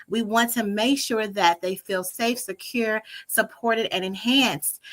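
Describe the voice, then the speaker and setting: Confident bright-voiced woman. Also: fairly high pitch, low-quality recording. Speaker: business coach. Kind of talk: self-introduction. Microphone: video call.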